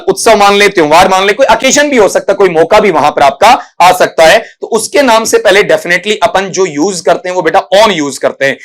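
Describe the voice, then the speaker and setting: A man's voice: high-pitched, a bit bright. A male English teacher giving an exam prep lesson, calling students "beta" and checking "theek hai?" after each point. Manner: explains pronunciation slowly, syllable by syllable.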